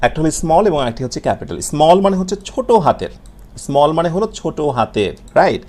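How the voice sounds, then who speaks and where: A man with a Bengali accent teaches English letters in a video lesson, speaking in a fairly high voice. His pitch swings widely as he drills sounds, repeating each one slowly and asking himself questions before answering them. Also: big pitch swings, darkish tone.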